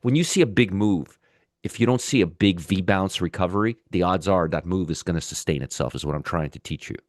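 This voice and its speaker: Hosting a live pre-market trading show, this man speaks in a low-pitched voice at a fairly quick clip, recorded dry with clean studio sound. He's under the weather with a sore throat, yet he explains the markets conversationally and keeps repeating his points.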